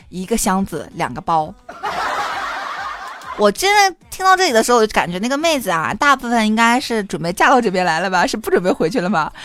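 A young woman hosting a show, telling a funny story with lots of giggling and casual cussing. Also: a little high. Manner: animated, giggly, cusses casually. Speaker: host. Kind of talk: comic storytelling.

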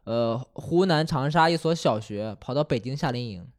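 A man telling a comic story in casual chat on a comedy podcast, animated and full of quick restarts. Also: medium pitch, noisy background.

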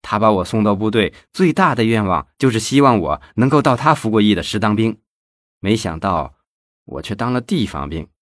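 A man's voice: lowish voice, expressive, normal speed, dry recording, studio quality, lightly acted. A man voicing an upright male fire brigade commander in an audiobook, speaking earnestly. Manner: earnest and admiring.

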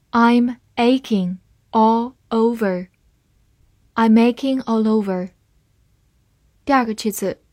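Woman, scripted vocabulary teacher, unhurried, slightly high voice, dry close sound. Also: darkish tone, no echo. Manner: slow, measured spelling and example reading.

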